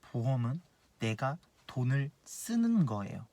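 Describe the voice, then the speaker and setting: Blunt young insurance planner, plain voice. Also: male voice, medium pitch, sing-song, measured pace, mellow, no room sound. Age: 20s. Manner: blunt, earnest, repeats key points. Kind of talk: casual advice monologue.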